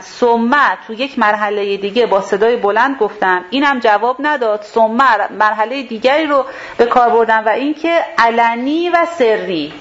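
A woman leading a religious class, explaining a verse step by step and rephrasing its terms. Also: fairly high pitch. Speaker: Quran teacher. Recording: dull lo-fi sound with faint hiss.

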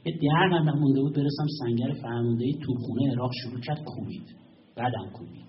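A male preacher telling a story in a sermon, building to loud emphatic appeals and quizzing the audience, recorded from far off in an echoey room. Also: medium pitch, lo-fi sound, a little hiss or hum.

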